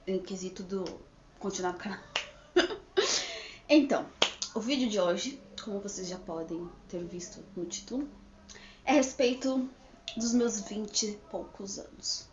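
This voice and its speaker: A woman's voice: mid-range voice, measured pace, pauses often, background noise. Chatty woman vlogger in an echoey room. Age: 30s. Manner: rambling, chatty, frequent "né?" and restarts. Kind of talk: casual chat to camera. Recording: echoey room, slightly dull lo-fi sound.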